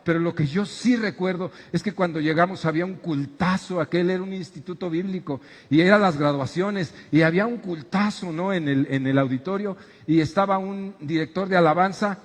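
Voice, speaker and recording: A middle-aged man preaching a sermon as pastor, animated and at times shouting dramatic quotes. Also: high voice, brisk, hardly any pauses, big-room sound. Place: church auditorium.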